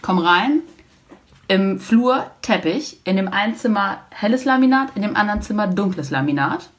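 A woman's voice: medium pitch, expressive, moderate pace. A woman co-hosting a casual chat podcast, telling a funny story with laughter and acting out the quoted dialogue. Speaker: podcast co-host.

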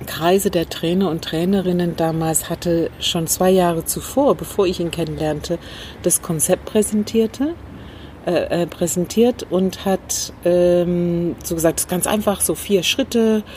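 Her fairly low, mellow voice carries pauses and fillers as this Northern Irish communication trainer thoughtfully recalls her past in an interview. She's on an outdoor rooftop terrace in a city, with faint traffic noise and a train passing.

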